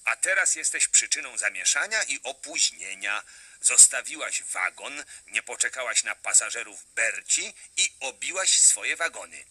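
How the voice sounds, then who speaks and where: A man's voice: mid-range voice, very animated, moderate pace, bright, forceful tone, breathy edge, dry recording, full character voice. A man voicing a stern, stout railway boss lecturing an engine in a storybook tale. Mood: scolding.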